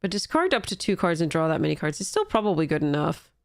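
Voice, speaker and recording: A woman's voice: sits low, very animated, fast talker, creaky, no echo, clean studio sound. A woman with a congested, stuffy nose, commentating casually and wryly on a game as she streams.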